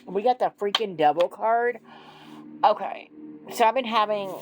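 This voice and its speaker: A woman's voice: medium pitch, moderate pace, low-quality recording. A woman in her forties doing a casual tarot reading, chatty and self-deprecating with frequent ums. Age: 40s. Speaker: tarot reader. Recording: music playing behind.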